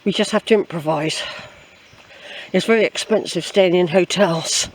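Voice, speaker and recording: A woman's voice: lowish voice, normal speed, low-quality recording. An older woman with an English accent records a casual walking vlog out in the woods. She rambles in a chatty, reflective way, often repeating her phrases. Her voice is picked up by the camera she carries along the trail. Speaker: hiking vlogger. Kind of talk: casual rambling walk commentary. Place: outdoors on a woodland trail.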